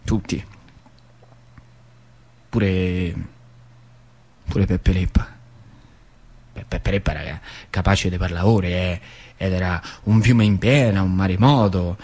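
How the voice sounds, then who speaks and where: Speaking low and slowly with long pauses, an actor and storyteller performs a theatre monologue in working-class dialect over music. His accent is central Italian from northern Lazio, and the animated, colloquial piece repeats phrases for emphasis.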